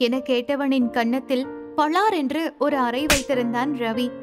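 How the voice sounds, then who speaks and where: A woman narrating an audiobook in a smooth, even storytelling voice. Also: high voice, moderate pace. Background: background music.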